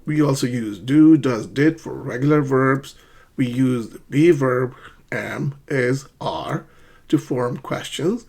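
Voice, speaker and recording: This English teacher has a mid-range, creaky, somewhat mellow voice and talks slowly. In his ESL lesson he stays patient and encouraging, frequently asking "right?" and performing example questions with a rising tone.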